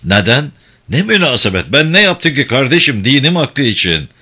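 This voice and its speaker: This is a volatile male prison director, put on by a reader in a spoken story. He blusters and threatens in a bright, lively voice that swings up and down. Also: mid-range voice, moderate pace, slightly rough, heavily acted. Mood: pleading.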